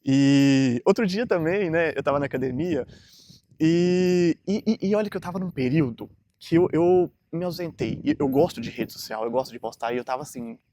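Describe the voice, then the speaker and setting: A man, speaking to camera in an earnest, rambling vlog. He leans on fillers and restarts as he works through his point. His voice sits a little high for a man. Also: big pitch swings, normal speed, mellow. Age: 30s. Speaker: vlogger. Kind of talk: casual motivational monologue to camera.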